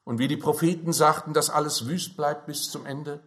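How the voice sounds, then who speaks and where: A man preaching a sermon, slow and emphatic, his fervor rising on key phrases. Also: a little high, fairly even intonation, fairly bright tone.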